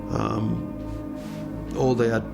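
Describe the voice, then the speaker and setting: A man recalling what he saw in an interview, speaking in a slow, halting, grave way. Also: on the low side, big pitch swings, creaky, over music. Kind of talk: interview recollection.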